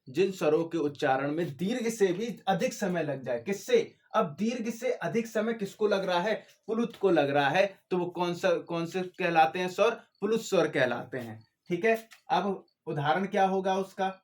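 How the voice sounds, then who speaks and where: A man's voice: high-pitched, animated. A man teaching grammar in a lecture style. He asks his own questions and answers them, repeats the key terms, and stretches out sounds to show how long a vowel lasts. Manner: drawn-out syllables to demonstrate vowel length.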